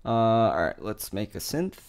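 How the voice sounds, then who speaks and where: A man casually talking to his stream chat while producing music, with relaxed, short asides to himself. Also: fairly low pitch, measured pace, creaky. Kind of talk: casual live-stream commentary while working.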